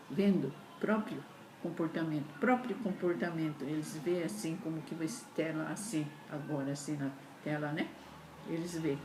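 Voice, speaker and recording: A woman giving an earnest, repetitive spiritual talk, often ending phrases with a questioning tag. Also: lowish voice. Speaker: spiritual speaker. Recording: roomy echo with steady background noise.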